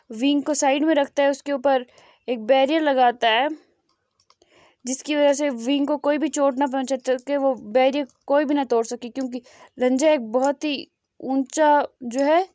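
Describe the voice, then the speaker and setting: A woman's voice: high-pitched, warm tone, no room sound, clean studio sound. A young woman retelling a fan story in a loose, spoken way, with many fillers and restarts.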